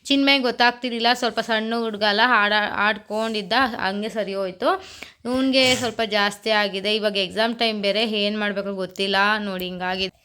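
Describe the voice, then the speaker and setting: A woman's voice: mid-range voice, steady tone, brisk, pushed and bright, a little hiss or hum. A woman filming a casual home vlog as a mother, soothing and coaxing her sick child and repeating herself. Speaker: mother and family vlogger.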